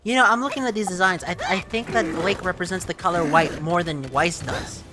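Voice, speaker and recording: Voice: mid-range voice, brisk, music in the background. Dry, matter-of-fact gaming host. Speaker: channel host playing a game. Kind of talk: casual gameplay banter.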